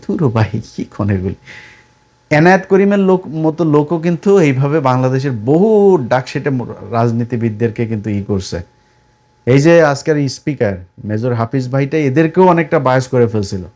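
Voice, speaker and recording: Man, middle-aged, political commentator, scolding, mocking tone, middle pitch. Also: brisk, a little mellow. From Bangladesh. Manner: scolding and mocking, addresses opponents directly. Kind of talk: live political commentary monologue.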